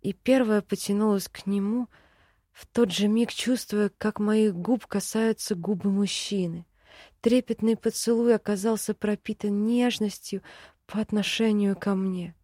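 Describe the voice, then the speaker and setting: Brief: female audiobook reader, expressive, average pitch, dead-dry booth. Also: unhurried, no echo. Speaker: audiobook narrator. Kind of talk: scripted first-person narration.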